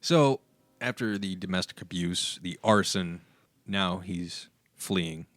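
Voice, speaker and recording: A man's voice: sits low, takes it slowly, fairly bright tone, dry recording. A man co-hosting a casual podcast, telling a story in an easygoing way with dry humor. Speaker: podcast co-host.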